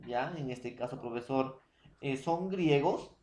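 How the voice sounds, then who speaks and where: A man's voice: mid-range voice, a little slow, a little mellow, a little hiss or hum. A man teaching a secondary school lesson. He repeats points, asks his own questions and answers them. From Peru. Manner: addresses students as "jóvenes". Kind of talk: recorded classroom lesson.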